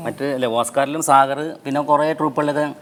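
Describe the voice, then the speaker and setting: A middle-aged man tells an anecdote at a quick clip, his pitch sitting in the ordinary middle range. He acts out the voices in his story as a guest on a TV chat show. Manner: animated anecdote telling, acts out phone calls.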